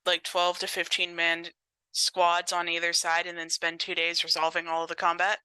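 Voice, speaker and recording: A woman with a very bright, sharp voice, recorded dry and close. She banters casually as a tabletop player, with a dry, teasing manner. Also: on the low side, monotone, normal speed, smooth, no room sound, low-quality recording.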